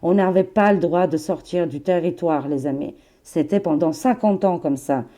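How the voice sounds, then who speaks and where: A woman in her forties speaks with an Albanian accent, holding a casual, rambling chat with her viewers. Her voice sits a bit low and sounds mellow. She laughs often and fills her sentences with asides. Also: normal speed. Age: 40s. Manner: chatty, laughing, addresses viewers as friends, many fillers. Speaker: tarot reader and channel host.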